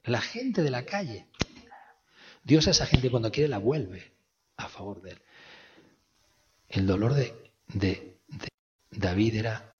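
A man preaching a sermon, swinging between loud, intense exclamations and hushed, whispered passages. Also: lowish voice, animated, slow, pauses often, slightly rough, dull audio. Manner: dramatic swings from shouting to whispering.

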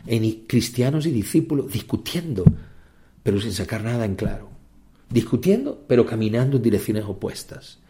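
A man preaching a sermon with fervor, repeating phrases and rising into sudden emphatic peaks. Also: warm tone. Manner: impassioned, repetitive, with sudden high emphatic outbursts.

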